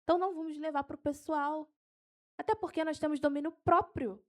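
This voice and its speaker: A high-pitched woman teaches evangelism to a church group. She speaks with fervent energy, pushing her voice upward when she gets excited, then slowing down deliberately so listeners can note down verses. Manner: animated, gets carried away, then slows down to dictate verses. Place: church hall.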